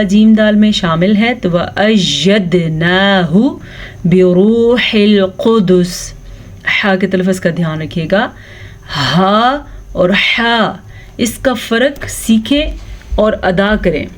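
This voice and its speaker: A patient woman teacher with a mid-pitched voice and a Pakistani Urdu accent leads a tajweed lesson. She explains each rule in a steady classroom tone, then stretches the example words out slowly. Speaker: Quran recitation teacher.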